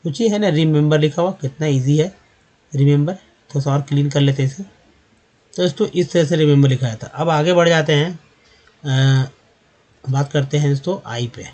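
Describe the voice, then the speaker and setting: A man's voice: a little high, moderate pace, long pauses, darkish tone. A man giving a spoken lesson on English pronunciation, spelling words out letter by letter and repeating them. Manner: addresses viewers as friends and asks questions to the class. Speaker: English teacher.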